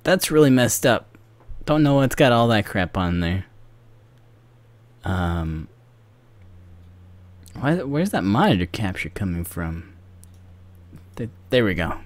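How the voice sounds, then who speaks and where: Speaking into a boom-arm mic with music playing behind him, a young streamer talks to his viewers about nothing in particular, distracted and self-mocking. His mid-range voice is expressive, and he takes it slowly with frequent pauses.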